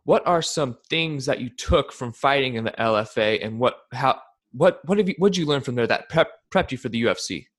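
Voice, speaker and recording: A male host runs a casual interview in a mid-range voice. He keeps it upbeat and relaxed. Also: medium pitch, brisk. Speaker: podcast host.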